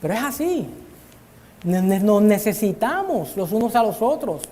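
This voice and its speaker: Preaching a Bible study sermon in a church hall, a man speaks at normal speed in a high, sing-song, mellow voice. He is earnest, frequently addresses his listeners as brother, and the hall's long reverb trails his words.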